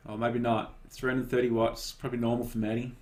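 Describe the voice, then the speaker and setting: A man giving relaxed, casual live commentary on a cycling race and cheering riders on by name. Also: medium pitch, fairly quick.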